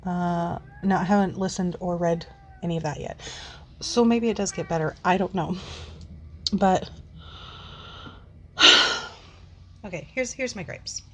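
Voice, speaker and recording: This casual rant comes from a book vlogger in her forties who rambles, curses, sighs often and leans on filler words while facing the camera. Her lowish voice is a little mellow and steady, moving at a moderate pace over a faint hiss or hum.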